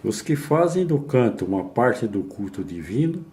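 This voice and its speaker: A man reading a passage aloud in church in a steady, measured way. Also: mid-range voice.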